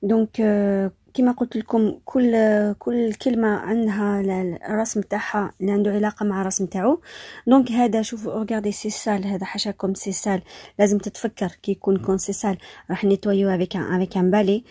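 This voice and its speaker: A woman's voice: medium pitch, steady tone, racing, mellow, slightly rough, no echo, clean studio sound. A woman teaching French spelling in an informal, chatty lesson, with frequent hesitations and enthusiasm. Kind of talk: informal vocabulary lesson, mixing French and Arabic.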